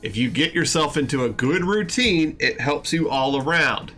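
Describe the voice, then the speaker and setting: A man's voice: a little high, expressive, moderate pace, sharp tone, faint music behind. A man streamer in casual chat, joking and slipping into mock-stern scolding.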